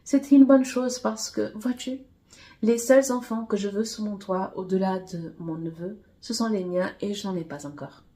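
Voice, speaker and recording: A woman's voice: medium pitch, fairly even intonation, moderate pace, mellow, natural voice. A woman reading aloud and voicing a poised, amused young woman who asks cool, direct questions. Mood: probing.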